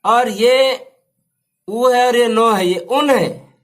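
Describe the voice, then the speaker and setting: Slow, high-pitched male teacher. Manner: drawn-out sounds, repeats each word to students. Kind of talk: slow step-by-step language lesson.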